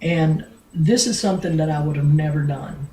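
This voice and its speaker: An older grandmother telling a family story in a rambling, blunt way, with many pauses and restarts. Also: low-pitched, warm tone, slight background noise. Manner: blunt, earthy, with mild swearing. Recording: roomy home recording.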